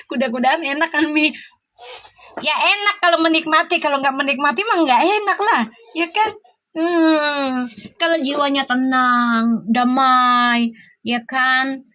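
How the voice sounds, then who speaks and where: High, bright-voiced teasing woman. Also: takes it slowly. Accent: Sundanese-flavored Jakarta Indonesian. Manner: teasing, laughing, playful banter. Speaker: live-stream tarot host. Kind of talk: casual live-stream chat with viewers.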